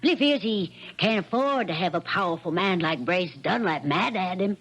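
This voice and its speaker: An actress playing a plain-spoken older country aunt with a rural American accent and folksy manner, in a 1970s radio drama. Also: female voice, lowish voice, lively intonation, normal speed, fairly bright tone. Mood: concerned, matter-of-fact. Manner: folksy, matter-of-fact. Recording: dull vintage radio recording.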